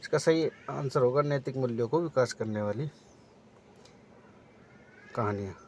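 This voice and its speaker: A man's voice: mid-range voice, moderate pace, darkish tone, a little hiss or hum. A man teaching exam preparation, reading out multiple-choice options and then explaining the right answer.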